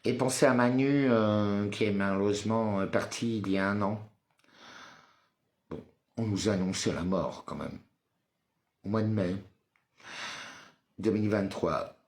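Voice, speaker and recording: Slow, low-voiced man chanting a mantra. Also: echoey room. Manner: chants a repeated apology mantra; blunt and confrontational toward viewers. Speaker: live streamer. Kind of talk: social media live monologue.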